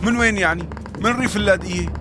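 In a radio drama, a male actor with a Syrian accent plays a civil defense rescuer from Madaya in the Damascus countryside: determined, warm, protective and stubbornly hopeful. His high-pitched voice comes rapid-fire and close to everyday speech, earnest and coaxing with heavy sighs. A music bed plays behind him over a noisy background.

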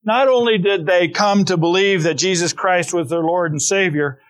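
A man's voice: high voice, normal speed, a bit bright. A middle-aged man preaching a conversational sermon, telling stories with frequent restarts and asides. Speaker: pastor.

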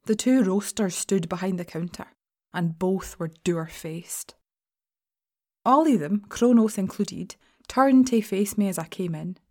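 A woman playing a sardonic Scottish shop assistant with a broad Scottish accent and a soft, mellow tone. She tells her story in a wry, sweary, confiding way, with an anxious edge, as in a fiction podcast monologue. Her pitch sits mid-range for a woman. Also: measured pace, close to an everyday voice. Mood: wry, uneasy. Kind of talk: first-person dramatic monologue in an audio fiction podcast.

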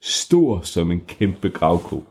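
Dad improvising a bedtime story; low, mellow, animated. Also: male voice. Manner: animated, swooping into voices and sound effects. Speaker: parent telling a bedtime story.

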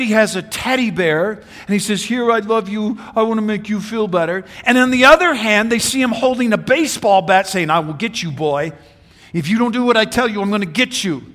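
High, bright-voiced preacher in a reverberant hall. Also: male voice. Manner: swings from loud shouted declarations to hushed intimate delivery. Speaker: pastor. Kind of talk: sermon.

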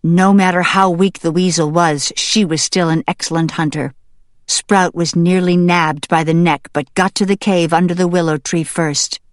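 A woman narrating a children's novel in steady, measured storytelling. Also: lowish voice, no room sound, clean studio sound. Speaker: audiobook narrator. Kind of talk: scripted narration.

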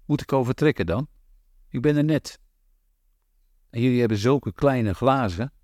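A man voicing a hoarse, tipsy, defiant grandmother in a raised, lively voice. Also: medium pitch, moderate pace, no echo, studio quality, voice pushed up, close to an everyday voice.

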